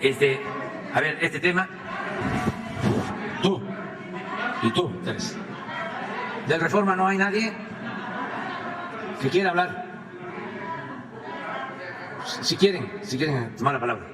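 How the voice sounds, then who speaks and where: A Mexican man giving a press conference as president, speaking in a measured way with frequent pauses and fillers. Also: fairly high pitch, lively intonation, crowd noise. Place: large conference hall. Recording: long hall reverb, faint background noise.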